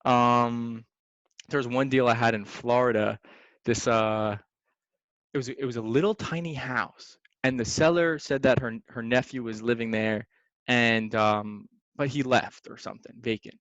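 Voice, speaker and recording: A young man, a real estate investor, telling stories in a casual podcast chat, slangy and lively, calling people "man" and "dude". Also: mid-range voice, measured pace, no room sound. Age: young adult. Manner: animated, slangy, says "man" and "dude" often. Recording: dry, slightly dull sound.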